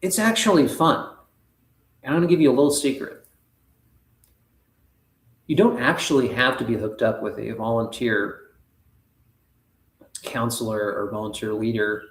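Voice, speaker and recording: A man hosting a live spiritual talk, speaking in an earnest, halting, rambling way. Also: medium pitch, reverberant. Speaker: spiritual livestream host.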